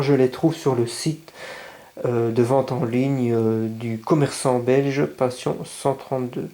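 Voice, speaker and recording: A scale model hobbyist vlogger with a mid-range voice casually unboxes a model kit for his viewers. He's relaxed but hesitant, using frequent "euh" fillers, and stumbles over English, mispronouncing paint names. A little hiss or hum is audible.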